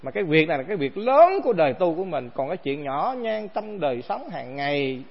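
A monk gives a dharma talk in a high, light voice. He keeps it conversational and keeps throwing rhetorical questions at his listeners. The recording is dull and lo-fi. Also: big pitch swings, brisk, gravelly, husky. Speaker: monk teacher.

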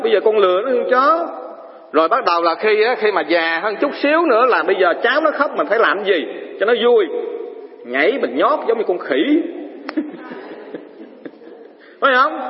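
A male Buddhist preacher delivers a dharma talk through a lively parable. He keeps turning to his listeners with questions. His high voice rings through a long hall echo and sounds dull and muffled. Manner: animated storytelling, asks the audience questions.

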